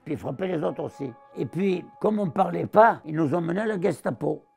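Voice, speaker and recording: A man in his nineties with a southern French accent and a gravelly voice, telling his wartime memories as an interviewee and acting out the voices he quotes. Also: fairly high pitch, a little fast, soft background music. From southern France. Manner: animated, acts out the voices he quotes. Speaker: interviewee, war veteran. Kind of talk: storytelling recollection.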